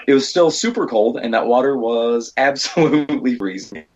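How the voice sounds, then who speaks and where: With crowd noise around him and the highs cut off, an American man guesting on an interview spins rambling stories, animatedly acting out what others said. He's an indie horror filmmaker and stunt performer, speaking at medium pitch and moderate pace.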